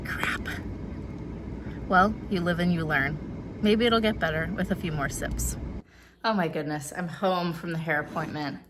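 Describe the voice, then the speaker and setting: A bubbly woman in her thirties chats to camera for her vlog, a bit congested and quick with self-deprecating asides, whether out and about, in the car, or at home. Her pitch is fairly low, she's a little slow and pauses often, and there's background noise.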